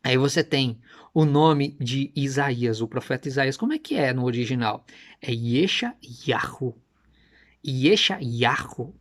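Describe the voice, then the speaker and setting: A young man preaching and teaching with emphatic, persuasive delivery, slowing down to repeat Hebrew words carefully. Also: mid-range voice, expressive. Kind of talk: teaching sermon to camera.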